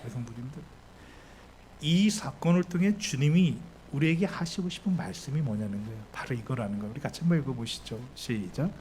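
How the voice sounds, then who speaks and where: A man preaching a sermon as pastor, asking his congregation lively questions and acting out the people in the story. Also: mid-range voice, brisk, a little hiss or hum. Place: church sanctuary.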